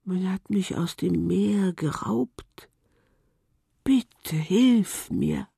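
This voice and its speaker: A narrator voicing a magic seashell that whispers a slow plea for help in a storybook. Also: medium pitch, lively intonation, vocal fry, dark tone, slightly rough, dry recording, clean studio sound, pitched above the performer's own voice, full character voice. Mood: pleading.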